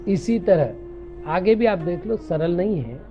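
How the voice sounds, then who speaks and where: A man, a monk teaching scripture, who recites verses deliberately and then explains them in a patient way. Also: sits high, animated. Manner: patient, explanatory, corrects common misreadings. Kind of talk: scripture lecture in Hindi. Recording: dull lo-fi recording with faint music.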